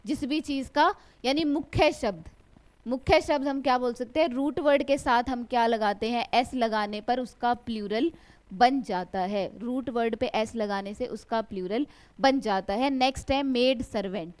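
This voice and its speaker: A woman's voice: a little high, darkish tone. Woman teaching English grammar. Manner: asks a question and then answers it herself; stretches out example words slowly. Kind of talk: classroom lecture.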